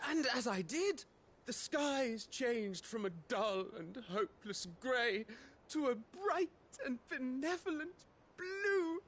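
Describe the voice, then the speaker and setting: A man's voice: extremely high pitch, animated, slow pace, fairly bright tone, heavily acted. An actor playing a lovelorn male suitor in a video game, with flowery, theatrical delivery. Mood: lovelorn, earnest.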